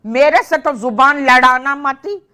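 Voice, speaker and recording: A woman's voice: high voice, measured pace, sharp tone. An older woman with an old plays a scolding mother in a comedy drama, tossing out proverbs as she talks. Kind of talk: scripted comedy drama dialogue.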